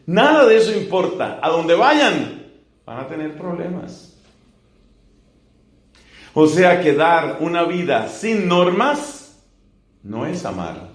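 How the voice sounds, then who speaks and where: Slow, emphatic preaching man. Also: on the high side. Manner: slow emphatic lists and rhetorical questions. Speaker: friar preaching. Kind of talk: teaching sermon. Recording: echoey room.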